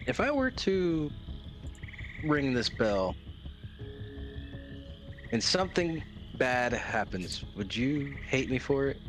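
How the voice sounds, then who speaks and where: A man's voice: medium pitch, big pitch swings, takes it slowly, long pauses. A man chatting casually as a player in a tabletop game, hesitant and thinking aloud. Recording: music playing behind the voice.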